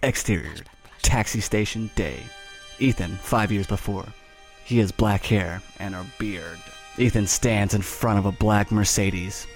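A man's voice: fairly low pitch, a little slow, faint music behind. A man reading screenplay stage directions aloud in a breezy way, often breaking into laughter. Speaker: script reader.

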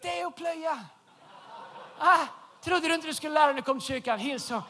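A man preaching a humorous sermon in a church, telling a story with lively shouted punchlines. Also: very high-pitched, vocal fry. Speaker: pastor. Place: large church hall.

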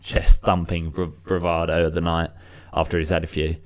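Deep-voiced man chatting about music. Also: level tone, moderate pace. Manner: rambling, restarts, many "you know". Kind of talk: casual music review chat.

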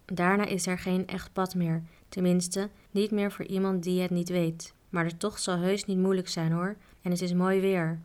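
A woman reading the lines of a cheerful, tireless young male mountain guide in a low, even voice. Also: moderate pace, few pauses, lightly acted. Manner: cheerful, reassuring.

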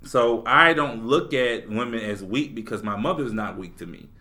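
A man's voice: mid-range voice, normal speed, sharp tone. A young man co-hosting a podcast in casual chat, rambling with restarts and laughing often. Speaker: podcast co-host.

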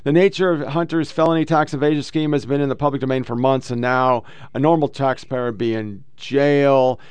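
A man's voice: mid-range voice, fairly even intonation, fairly quick, a little mellow, clear, resonant tone, no room sound. An American man hosting casual political commentary, blunt and full of swearing. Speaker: host.

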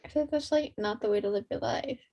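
A woman's voice: on the high side, fast, mellow. Young woman co-hosting a casual podcast. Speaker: podcast co-host.

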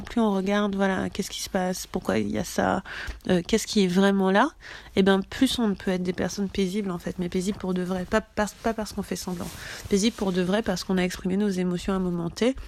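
A woman's voice: mid-range voice, vocal fry, a little mellow. A woman coach giving a casual, blunt motivational talk, emphatic and swearing freely. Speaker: coach leading a group challenge.

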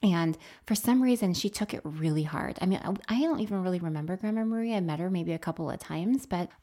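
A young woman co-hosting a podcast, telling stories in casual chat and acting out quoted lines with lively voices. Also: fairly low pitch, fast talker. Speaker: podcast co-host.

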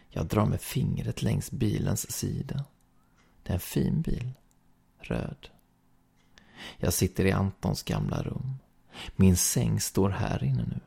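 A man reads ghost stories aloud in a slow, even storytelling manner. His voice is dark and mellow, with a husky, breathy edge. A heavy gravelly fry runs through his low delivery.

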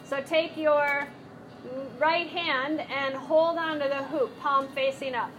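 Casting: woman yoga instructor, high voice, slow unhurried cues, live class with faint room hum. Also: steady tone, a bit bright. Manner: encouraging, playful cueing of breath and movement.

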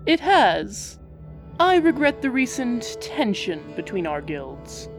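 A woman voicing a dignified angel leader in an audiobook, poised and commanding. Her pitch moves expressively, with faint music beneath. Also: sing-song, slow pace. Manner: poised, formal.

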